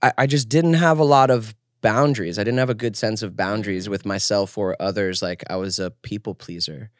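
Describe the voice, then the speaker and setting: A man's voice: lowish voice, a little fast, no room sound, studio quality. A man in his thirties hosting a podcast, talking in a reflective, loose way with restarts. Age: 30s. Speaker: podcast host. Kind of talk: casual conversation.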